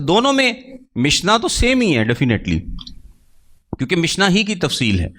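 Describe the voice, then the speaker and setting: A man's voice: on the high side, fairly bright tone. A man with a Pakistani Urdu accent teaching in a sermon, asking questions and answering them himself while repeating key terms. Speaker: preacher.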